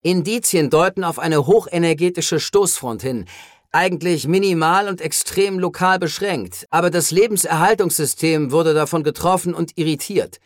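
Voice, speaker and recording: A narrator voicing a huge, calm alien who reports matter-of-factly, in an audiobook reading. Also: mid-range voice, normal speed, no echo, studio quality, lightly acted.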